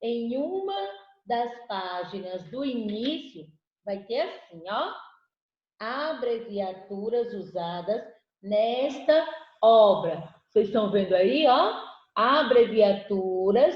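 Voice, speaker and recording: A woman's voice: mid-range voice, animated, slow. A Brazilian Portuguese-speaking woman teaching an online lesson, patiently asking the class questions and answering them herself. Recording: echoey room, dull lo-fi audio.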